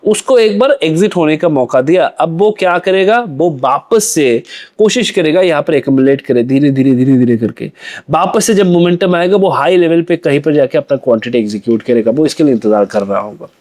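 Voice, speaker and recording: A man's voice: on the high side, lively intonation, brisk, a little mellow. A young man explaining trading charts as a lesson, asking questions and answering them himself, repeating phrases for emphasis. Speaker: trading educator.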